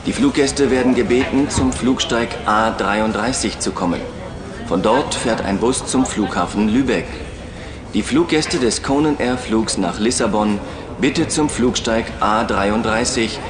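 Male actor, airport announcer, public address, formal, orderly, medium pitch, crowd behind. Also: unhurried, close to an everyday voice. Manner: formal, clear instructions.

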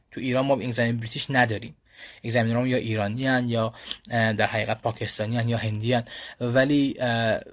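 A language school host living in Europe runs a casual live Q&A stream, answering viewer questions loosely with lots of fillers and restarts. His mid-range voice comes through at studio quality with no room sound.

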